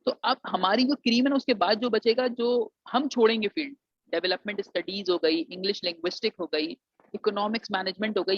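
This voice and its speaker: In a dull, dry, lo-fi recording, a high-voiced man from Pakistan gives students an explanatory lesson on getting into engineering programs. He blends English phrases into his Urdu and addresses his listeners as "beta."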